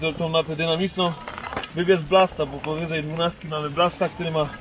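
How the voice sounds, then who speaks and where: A man's voice: a little high, flat delivery, brisk. A young man testing skis outdoors on a slope, explaining eagerly to a close camera. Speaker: ski tester. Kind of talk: product review. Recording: outdoor slope with wind noise.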